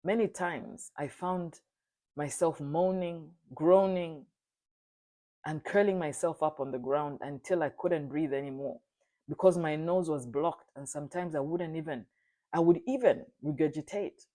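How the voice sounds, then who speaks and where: A speaker from Zambia giving an earnest, solemn personal testimony, sometimes halting and restarting. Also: mid-range voice, warm tone. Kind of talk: reflective spoken testimony.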